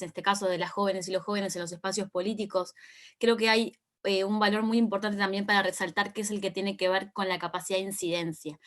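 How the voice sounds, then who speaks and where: A woman's voice: mid-range voice, fairly bright tone. Earnest young Uruguayan woman on a video call. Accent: Uruguayan Spanish. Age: young adult. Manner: earnest, with frequent filler restarts. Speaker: youth party activist panelist. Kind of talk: online panel remarks.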